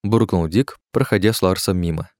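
Deep male audiobook narrator, steady and measured, dry sound. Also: no echo.

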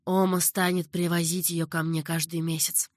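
A woman's voice: lowish voice, flat delivery, normal speed, dry recording, clean studio sound, lightly acted. A woman voicing an older male caliph who speaks earnestly, patiently and with sorrow. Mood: sorrowful. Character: older male caliph, grave and tender ruler.

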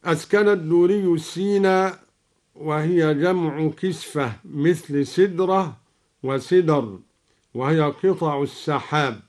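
A man explaining Quranic reading variants in a measured, scholarly way and chanting each verse slowly and melodically as an example. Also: on the high side, a little mellow. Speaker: Quran recitation teacher introducing radio episodes. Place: radio studio.

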